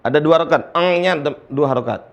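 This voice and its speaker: A man teaching Quran recitation to young learners, patiently explaining letter lengths and chanting the letters slowly for students to repeat. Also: fairly high pitch, gravelly, highs cut off.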